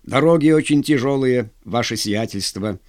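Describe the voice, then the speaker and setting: A man doing a hurried, portly officer courier. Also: mid-range voice, darkish tone, close to an everyday voice. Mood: hasty. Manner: hasty, excusing.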